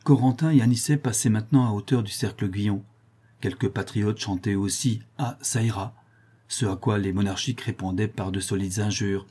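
A man reading a historical chronicle aloud in a measured, steady storytelling manner. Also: on the low side, breathy edge. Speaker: audiobook narrator. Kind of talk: scripted narration.

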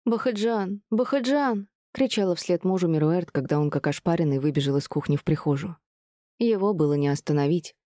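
A woman reading a novel aloud in an expressive audiobook narration. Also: deep voice, a little fast, dry recording, clean studio sound. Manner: expressive, even storytelling.

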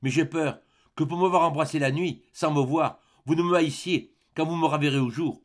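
A man voicing a gentle, shy young peasant girl who talks softly and coaxingly in an audiobook. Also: on the high side, normal speed, lightly acted. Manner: soft and coaxing.

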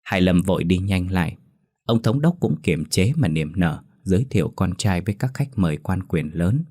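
Deep-voiced male storyteller. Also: no room sound, studio quality. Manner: steady, measured storytelling. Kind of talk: scripted story narration.

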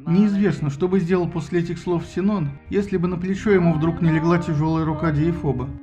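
A man narrating an audiobook with a lively, ironic storytelling manner. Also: a little high, fairly quick, highs cut off, soft background music.

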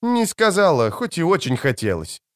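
A male audiobook reader voicing a defiant, hot-tempered young woman who answers with sharp, mocking retorts. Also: a little high, huge pitch swings, moderate pace, dry recording, clean studio sound, pitched above the performer's own voice. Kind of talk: audiobook character reading.

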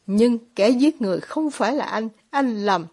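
Woman reading as soft-spoken devout young man in an audiobook, hushed, breathy, a bit high. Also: animated. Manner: hushed, quiet and deliberate.

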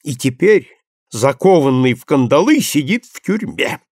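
A man reading the part of a self-important older gentleman who tells gossip in a lecturing way. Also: fairly high pitch, sing-song, normal speed, no room sound, studio quality, pitched above the performer's own voice. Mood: pompous. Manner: pompous, lecturing.

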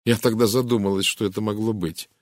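A man voicing a puzzled young English wife in an audiobook, hesitant and sometimes sharp. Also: lowish voice, steady tone, fast talker, no echo, clean studio sound, natural voice. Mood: recalling.

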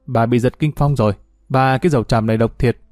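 A man voicing a gruff, blunt middle-aged uncle in a read-aloud story, scolding quickly. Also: mid-range voice, fairly even intonation, a little mellow, dry recording, clean studio sound, faint music behind, close to an everyday voice.

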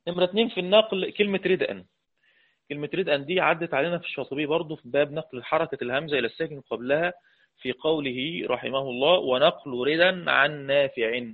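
Egyptian man teaching over tinny audio. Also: on the high side. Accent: Egyptian Arabic. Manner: conversational, asks the class questions, chants verses slowly. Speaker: Quran recitation teacher. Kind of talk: explanatory lecture with chanted verse quotes.

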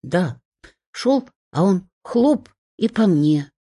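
A woman's voice: on the low side, sing-song, very slow, dark tone, breathy edge, dry recording, clean studio sound, voice pushed up, heavily acted. A woman voicing a small, sad male house spirit who speaks in a doleful, gloomy way.

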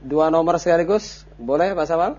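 A man's voice: on the high side, brisk, darkish tone. A man teaching Arabic live to phone-in callers, patiently correcting them and affirming with short replies. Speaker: Arabic teacher on a call-in program. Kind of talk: live call-in Arabic lesson. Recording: dull broadcast audio with faint hum.

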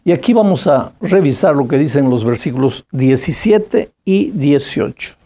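A man's voice: on the high side, lively intonation, normal speed, warm tone. A man preaching a Bible commentary, emphatic and addressing listeners with direct rhetorical questions. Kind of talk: sermon-style Bible commentary.

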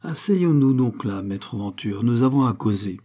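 A man's voice: medium pitch, expressive, moderate pace, mellow, natural voice. A man voicing a cocky young male bandit who teases and commands in a spoken storybook. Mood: mocking. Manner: teasing, commanding.

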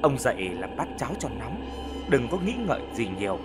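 A man voicing a practical village wife who brushes off her husband's fears in a brisk, reassuring way, in an audio story. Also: mid-range voice, sing-song, over loud music, lightly acted. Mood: dismissive.

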